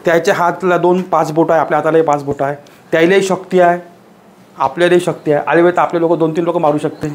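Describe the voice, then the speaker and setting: A man's voice: a little high, flat delivery, fast. A man giving a motivational lecture to a live audience, firing rhetorical questions and hammering points home through repetition. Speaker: teacher giving a motivational talk.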